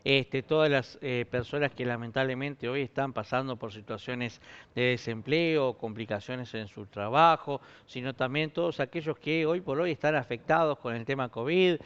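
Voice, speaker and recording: A man's voice: mid-range voice, normal speed, a bit bright, clear, resonant tone. A man with a Rioplatense Spanish accent, a pastor making informal church announcements with many fillers. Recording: muffled lo-fi stream.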